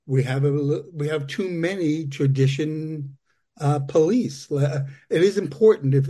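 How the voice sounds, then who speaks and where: A man sharing casually at a recovery meeting, rambling with fillers and soft laughs. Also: fairly high pitch.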